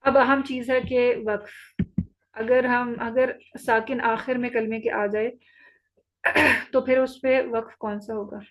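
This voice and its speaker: The recording is rough as a woman teaches Quran recitation in an online class. Her slightly high voice barely shifts in pitch while she patiently repeats rules slowly and checks that students are following.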